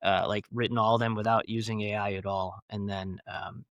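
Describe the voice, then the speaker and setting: A man's voice: lowish voice, flat delivery, brisk, a bit bright, no echo, muffled recording. A man talking as a podcast guest, rambling and enthusiastic, with many fillers and restarts. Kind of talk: casual interview talk.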